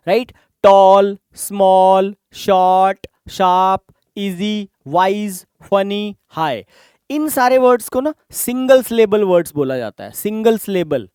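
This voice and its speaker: A man's voice: sits high, a little mellow, clean tone, no echo, clean studio sound. A man with an Indian accent teaching an exam-prep grammar lesson, explaining step by step and checking in with the students. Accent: Indian English. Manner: explains patiently, asks rhetorical checks.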